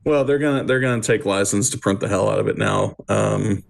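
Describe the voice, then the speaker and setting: A man with a gravelly, fry-edged voice talks in a loose, rambling way. He co-hosts a casual chat and keeps drifting into jokey tangents. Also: on the low side, fairly quick. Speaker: podcast co-host.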